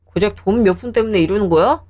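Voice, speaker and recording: A woman's voice: mid-range voice, fast, mellow, natural voice. A woman voicing a defensive, hot-tempered young husband who talks in a sneering, combative way.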